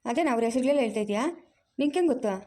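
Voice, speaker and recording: A woman voicing a bossy, caring middle-aged village aunt, in a loud, scolding, teasing manner. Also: on the high side, lively intonation, rapid-fire, lightly acted.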